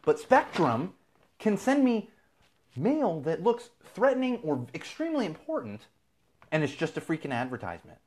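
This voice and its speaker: A man's voice: fairly high pitch, huge pitch swings, normal speed, darkish tone. A man from Southern California hosting a live feed, ranting casually and with exasperation, swearing freely. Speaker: podcast host.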